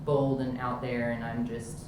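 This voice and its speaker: A woman with a very low voice talks casually on a panel. She is heard at a distance from the mic, with strong room echo and clear background noise. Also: flat delivery, unhurried. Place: panel event room with an audience.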